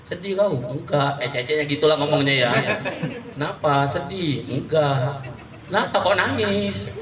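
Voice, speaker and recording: A man's voice: a little high, normal speed. A man from Indonesia preaching a humorous sermon to a live audience, joking and calling out to the women in the crowd. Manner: lively and joking, often calls out to the women in the audience. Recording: echoey room, mic from a distance. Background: audience murmur and laughter.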